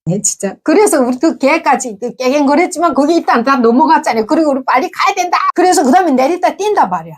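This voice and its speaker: A woman's voice: high-pitched, lively intonation, quick pace, few pauses, a little mellow. A woman from North Korea with a North Korean accent, telling a personal story in a casual, vivid way full of sound words. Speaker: defector recounting her past.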